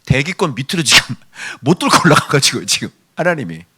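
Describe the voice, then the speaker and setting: A man's voice: mid-range voice, sing-song, a little fast, sharp tone, slight background noise. A male pastor preaching a sermon in a playful, theatrical way, quizzing his congregation.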